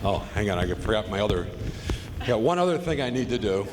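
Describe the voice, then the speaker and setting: A middle-aged man giving an informal father of the bride speech to wedding guests, speaking haltingly and repeating his phrases. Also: on the low side, lively intonation. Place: large room at a wedding reception. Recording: echoey hall, noisy crowd behind.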